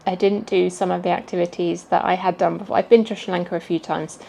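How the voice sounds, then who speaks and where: A woman's voice: fairly low pitch, little pitch movement, quick pace, vocal fry, mellow, a little hiss or hum. A woman travel vlogger chatting casually to camera in a jokey, self-deprecating way.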